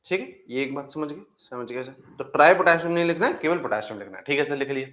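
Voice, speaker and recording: Talking fast with an expressive, a little high, fairly bright voice, this male chemistry teacher works through material with his class. He addresses students as "beta," poses questions and echoes their answers, and goes step by step, repeating key steps and words.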